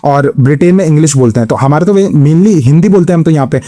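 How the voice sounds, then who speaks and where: A man with an Indian accent teaching an exam-prep lecture, mixing Hindi and English, posing his own questions and answering them, reading English questions slowly. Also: on the high side, mellow. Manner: explains step by step, asks and answers own questions, frequent "theek hai".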